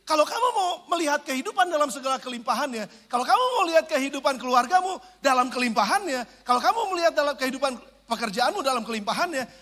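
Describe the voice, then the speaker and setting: A man preaching as a pastor, animated and joking, swinging between loud preaching and quiet asides. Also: extremely high pitch. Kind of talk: sermon. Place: large church hall. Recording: reverberant church hall.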